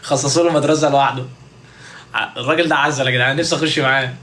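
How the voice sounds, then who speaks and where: A man's voice: mid-range voice, steady tone, very fast, sharp tone. A man with an Egyptian Arabic accent doing a joking, playful comic monologue to his viewers. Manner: joking, playful, mimics street vendors. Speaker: content creator.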